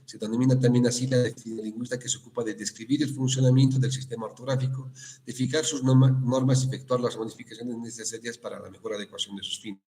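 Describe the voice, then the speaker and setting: A man's voice: mid-range voice, little pitch movement, quick pace, dark tone. Man lecturing on spelling rules. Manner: explanatory, frequent tag questions and restarts. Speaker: university language teacher. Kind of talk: online class lecture.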